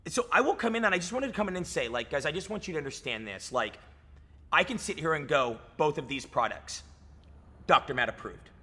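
A man's voice: a little high, very animated, fairly quick, bright, forceful tone, breathy edge. A man in his thirties, a fitness coach talking in a casual podcast chat, hyped and swearing, saying "dude" and "like" a lot, recorded in a gym lounge. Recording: reverberant gym room.

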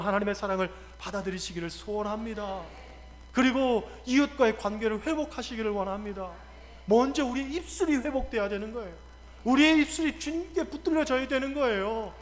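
A man preaching as a pastor, telling stories dramatically with acted quotes and sudden shouts, recorded in a church sanctuary. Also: very high voice. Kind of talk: sermon. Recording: long church hall reverb.

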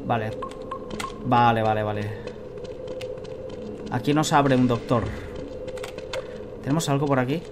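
A man's voice: mid-range voice, measured pace, pauses often. A man in his thirties with a Spain accent comments casually as he plays. His mid-range voice is colloquial and muttered, with noticeable game noise behind it. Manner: colloquial, muttering to himself and viewers. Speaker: let's play host. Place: indoor room at a computer, webcam view. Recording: noisy game sound behind voice.

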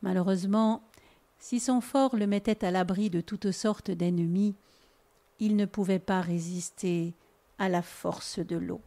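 A woman reading a children's picture book aloud as a library storyteller, with expressive, measured narration. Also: mid-range voice.

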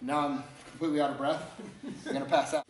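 A man's voice: mid-range voice, little pitch movement, fast, a little hiss or hum. Man coaching lifts in an echoey gym. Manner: coaching with short physical cues. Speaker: strength coach. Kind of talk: instructional demonstration.

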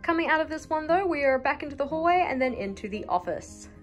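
A woman's voice: high-pitched, lively intonation, quick pace, soft background music. Chatty New woman touring her house. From New Zealand. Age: young adult. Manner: chatty, wry asides. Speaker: vlogger. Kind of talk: casual house tour. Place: house, indoors, moving room to room. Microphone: phone held at arm's length.

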